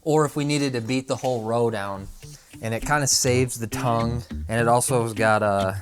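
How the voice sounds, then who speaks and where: A man's voice: mid-range voice, moderate pace, over music. A man who works as a contractor, casually talking through measurements and flooring steps inside a house under renovation. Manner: plain-spoken, talks through numbers step by step. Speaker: flooring contractor and channel host. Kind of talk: casual how-to instruction on a job site.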